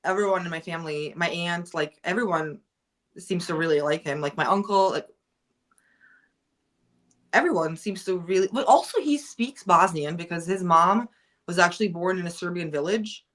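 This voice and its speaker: Her voice fairly low and a bit bright, this woman from the United States talks at a moderate pace as a casual podcast guest. She's candid and rambling, restarting often and saying "like" a lot.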